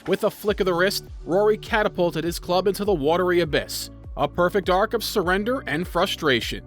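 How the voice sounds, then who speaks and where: Casting: male narrator, notably high voice, dramatic scripted storytelling for video, music underneath. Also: fairly quick.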